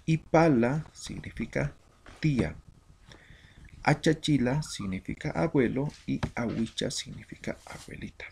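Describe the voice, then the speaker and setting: A man from Bolivia teaching a language lesson, reading vocabulary slowly word by word with explanations. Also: mid-range voice, animated, creaky, a little mellow, slight background noise. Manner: slow, deliberate word-by-word drilling.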